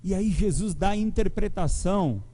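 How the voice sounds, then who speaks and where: Animated high-voiced preacher. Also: male voice, normal speed, poor audio. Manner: animated preaching, leads the congregation in reading aloud together. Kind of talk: sermon to a congregation.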